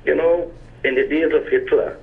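A man's voice: on the high side, fairly even intonation, moderate pace. An older man, calling in to a radio show over a clipped phone line and making his point in an emphatic, lecturing way. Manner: emphatic and lecturing, with rising stresses. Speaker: caller. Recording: thin tinny phone line.

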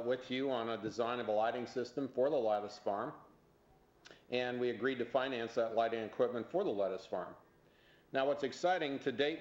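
A man's voice: medium pitch, a little mellow. A middle-aged executive speaks unscripted from an office and often halts on fillers. His voice is recorded through a teleconference setup, so it sounds dull and carries the echo of the room. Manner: halting, with many "uh" fillers and restarts. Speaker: company executive. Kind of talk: unscripted talk to camera over a teleconference.

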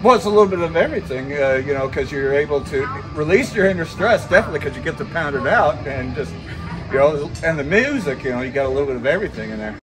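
A man answering an interview question in a quick, rambling way. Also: a little high, animated, music in the background, rough recording.

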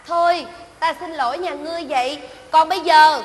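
Woman as a petulant princess, very high bright voice, whiny, long reverb, faint hiss. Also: a little fast, close to an everyday voice. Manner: whiny, imperious. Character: spoiled, petulant young princess.

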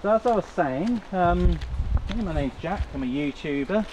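In muddy woods, a YouTuber with a high-pitched, expressive voice talks at a normal pace into the handheld camera he walks with. His chatter is casual and halting, full of self-interruptions, and the outdoor sound is noisy.

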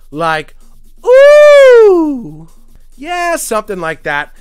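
A man reads rap lyrics aloud as a comedy bit, in a fairly high voice that swoops up and down. His asides are dry and mock-serious. Faint music plays underneath. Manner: mock-serious, dry commentary between lively recited lines. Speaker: podcast host. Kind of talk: deadpan comic reading of rap lyrics.

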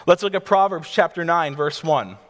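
A man's voice: on the high side, normal speed, a bit bright. A man in his thirties, a pastor, preaching a sermon from a church stage and picturing scenes for his listeners. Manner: teacherly, pictures scenes for listeners, some restarts. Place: church stage before a seated congregation. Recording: long hall reverb of a church.

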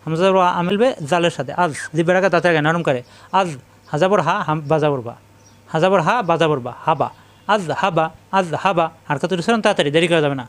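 A male Quran reading teacher giving a step-by-step spelling lesson with a Bangladeshi Bengali accent, slowly drilling syllables and repeating them. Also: on the high side, smooth. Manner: slow, repetitive syllable drilling.

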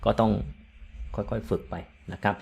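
A man's voice: moderate pace, a little mellow. A man hosting his channel, talking casually and rambling, with many fillers, repeated words and polite particles. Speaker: channel host sharing his language-learning path. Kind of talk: casual talk to camera.

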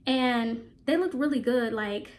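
Woman rambling casually to her viewers, bit stuffy from allergies, voice on the higher side. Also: a little slow. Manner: chatty, rambling, laughs often. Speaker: vlogger. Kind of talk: casual chat to camera.

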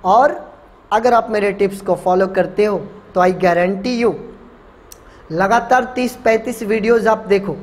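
A man teaching spoken English in a classroom lesson. He repeats each point, asks coaxing rhetorical questions and stretches out English phrases slowly, as if dictating. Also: high voice. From Bihar, India.

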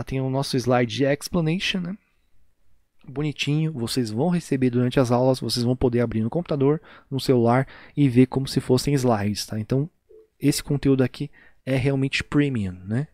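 A Brazilian teacher with a mellow, relaxed voice, recorded dry and close with no room sound. He stretches English phrases out slowly and repeats them so his students can copy him. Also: medium pitch, dry recording. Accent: Brazilian Portuguese. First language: Portuguese. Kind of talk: online class teaching.

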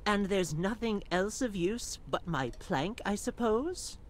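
A woman's voice: medium pitch, expressive, takes it slowly, a little hiss or hum. A woman voicing a genteel, fussy old rat who walks with a cane, speaking in a polite, old-fashioned way.

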